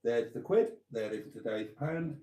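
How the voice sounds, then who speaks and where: On a very noisy live stream, a British vlogger in his fifties chats away, full of ums, self-deprecating jokes and "darlings" for his viewers. His voice is medium-pitched with lively intonation, and he speaks a little slowly.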